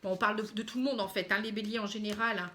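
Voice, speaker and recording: A woman giving a casual tarot reading to camera, halting, with many fillers and a frequent "hein". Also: mid-range voice, steady tone, pushed and bright. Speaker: tarot card reader.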